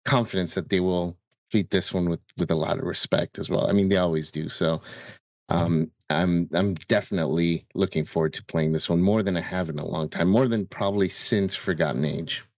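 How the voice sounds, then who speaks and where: A man with a deep voice talks casually as a podcast co-host. The sound is dry, with no room around it. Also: fairly even intonation, brisk, darkish tone, dry recording. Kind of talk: casual discussion.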